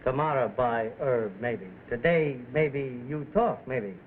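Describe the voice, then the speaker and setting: An actor playing a brash, wisecracking newspaper reporter, slangy and cocky, in 1930s film style. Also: male voice, mid-range voice, slow pace, close to an everyday voice. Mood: pushy, wisecracking. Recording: tinny, noisy old film soundtrack.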